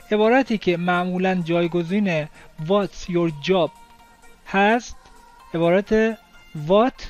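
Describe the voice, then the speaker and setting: High-voiced man teaching English phrases. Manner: explains step by step, repeats English phrases slowly. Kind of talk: casual language lesson. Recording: dull lo-fi sound with faint music.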